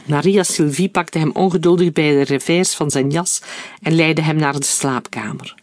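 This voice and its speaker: A man reading a story aloud in a steady, clear narrating voice. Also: on the high side, dry recording.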